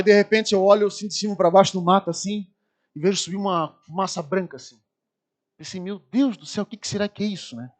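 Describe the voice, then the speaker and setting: A man preaching a Sunday sermon with a Brazilian Portuguese accent, telling lively personal anecdotes and acting out people screaming. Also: sits high. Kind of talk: storytelling sermon.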